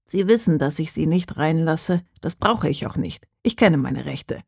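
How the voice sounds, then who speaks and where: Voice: medium pitch, lively intonation, unhurried, creaky, a little mellow, husky, heavily acted. An audiobook reader voicing a stubborn, reclusive woman of around eighty who answers curtly and firmly. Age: 80s. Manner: curt, firm.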